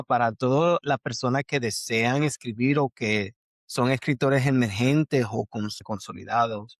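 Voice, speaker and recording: A man hosts a conversational interview at an ordinary mid pitch. He talks haltingly, restarting phrases and thanking his guest warmly. The sound is dry and close. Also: dry recording. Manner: hesitant with frequent restarts, effusive thanks. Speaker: podcast host.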